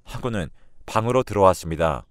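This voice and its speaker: A man narrates a first-person story in a confiding tone. His voice sits low but moves with lively intonation, and the sound is dry and close. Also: a little fast, smooth, dry recording.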